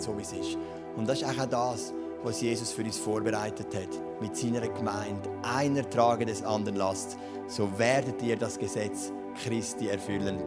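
Swiss pastor preaching in a conversational tone. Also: male voice, mid-range voice. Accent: Swiss German. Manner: conversational, personal, mixing in English words. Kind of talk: sermon.

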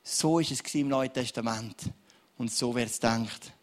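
A man preaching a sermon in a church service, reading scripture slowly and moving into prayer with a soft, earnest tone. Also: medium pitch. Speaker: pastor.

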